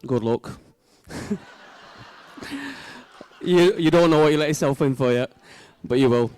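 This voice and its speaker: A man's voice: a little high, unhurried, a little mellow, clear, resonant tone. A man giving an informal, heartfelt wedding speech as the groom's brother, speaking sincerely and a little hesitantly.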